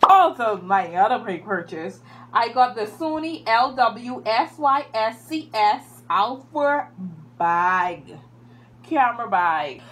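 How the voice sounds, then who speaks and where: Gushing, animated woman unboxing. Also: on the high side, slow pace. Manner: gushing, animated, repeats excited exclamations. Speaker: vlogger. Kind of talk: excited unboxing vlog.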